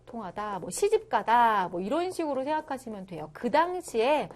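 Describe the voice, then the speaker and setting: A woman's voice: fairly high pitch, big pitch swings, normal speed, darkish tone. A woman teaching an online middle school Korean lesson, explaining step by step and often checking that the students follow.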